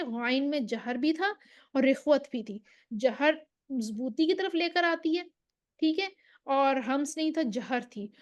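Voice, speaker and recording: A woman teaching recitation rules, patiently explaining and drawing out sample syllables slowly, checking in with the listener. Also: sits high. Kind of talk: tajweed lesson.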